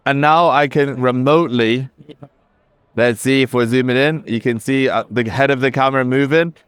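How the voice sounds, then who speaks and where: A man's smooth, mid-range voice comes through without echo as he represents his company with a camera demo on a crowded trade show floor. His pitch is casual and enthusiastic, conversational and sprinkled with fillers.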